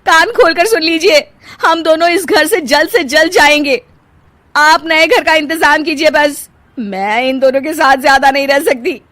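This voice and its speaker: A woman's voice: high-pitched, lively intonation, moderate pace, a bit bright, no room sound, voice pushed up. A woman voicing a spoiled, bullying elder sister-in-law in a moral cartoon, whiny, demanding and snappish. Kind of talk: Hindi moral cartoon voice acting.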